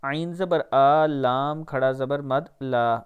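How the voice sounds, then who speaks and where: Man slowly drawing out recited words. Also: mid-range voice, clean tone, phone-quality sound. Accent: Pakistani Urdu. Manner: drawls words slowly to model, then explains quickly. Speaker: Quran recitation teacher. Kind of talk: pronunciation lesson.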